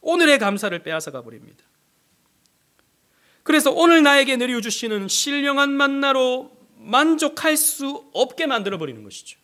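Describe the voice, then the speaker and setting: A man preaching with fervor, his voice sitting high and climbing and falling widely as he works through his points. He moves from loud, pressing questions to quiet, almost breathy asides. He speaks as a pastor addressing his congregation. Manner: impassioned preaching with sharp swings between loud and hushed. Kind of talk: sermon.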